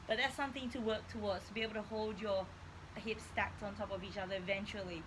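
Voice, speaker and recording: A woman's voice: mid-range voice, fairly even intonation, fast, noisy background. A woman instructing a guided stretching workout, explaining each movement step by step.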